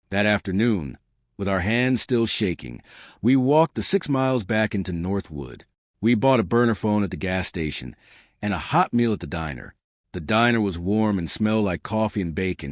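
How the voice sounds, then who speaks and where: A man with a low voice tells a first-person story, his delivery measured and dramatic. His intonation rises and falls widely, giving the narration plenty of life. The sound is dry and close, with no room around it. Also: dry recording.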